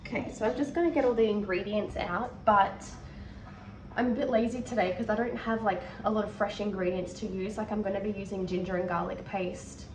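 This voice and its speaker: A woman's voice: medium pitch, fairly even intonation, a little fast. A young Australian woman who is sick and losing her voice, chatting casually with lots of fillers as she vlogs from her home kitchen on a clip-on mic. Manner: rambling, with many fillers. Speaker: vlogger. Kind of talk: casual chat. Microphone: wireless clip-on mic. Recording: noisy home recording.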